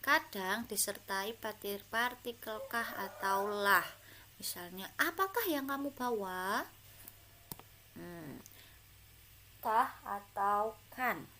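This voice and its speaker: A woman's voice: mid-range voice, animated, takes it slowly, pauses often, sharp tone, a little hiss or hum. A woman with an Indonesian accent teaching a primary school class, patiently working through many examples. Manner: patient, talks to pupils with many examples and fillers. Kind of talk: slow classroom explanation.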